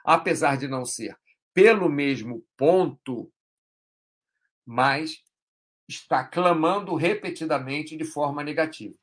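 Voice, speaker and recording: A man's voice: a little high, slow, a bit bright. Man explaining things on a live stream. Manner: rambling and explanatory, with frequent "né?" and "tá?" tags.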